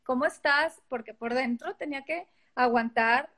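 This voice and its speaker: In a relaxed interview, a middle-aged guest with a Mexican Spanish accent tells her stories with energy and voices the dialogue she quotes. She speaks at normal speed, high-pitched and sharp in tone.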